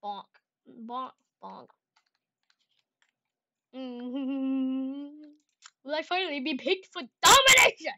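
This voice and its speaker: A woman giving excitable casual commentary while playing a video game, talking to herself and yelling at the game, close to her microphone. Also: high voice, slow pace, pauses often. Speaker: gameplay streamer. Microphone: close desk microphone.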